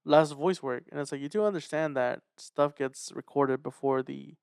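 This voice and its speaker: A man co-hosting a podcast in casual chat, laid-back and low-key, often speaking quietly. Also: moderate pace, vocal fry, clear, resonant tone, dry recording, clean studio sound. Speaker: podcast co-host.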